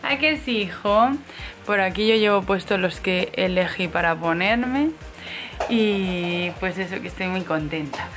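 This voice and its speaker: A young woman from Spain, a mother chatting casually in a vlog, with frequent laughs and soft asides to her baby. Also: mid-range voice, a little slow, faint music behind. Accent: Spain Spanish. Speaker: vlogger mother.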